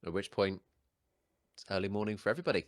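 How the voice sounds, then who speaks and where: Deep-voiced man narrating a fantasy game. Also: no echo, clean studio sound. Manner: measured, suspenseful scene-setting in short phrases. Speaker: game master.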